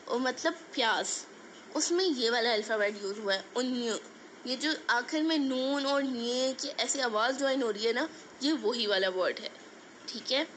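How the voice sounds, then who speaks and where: A woman's voice: high-pitched, sharp tone, a little hiss or hum, low-quality recording. A woman teaching a lesson, patiently repeating each sound and asking the viewer questions. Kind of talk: explaining an alphabet lesson.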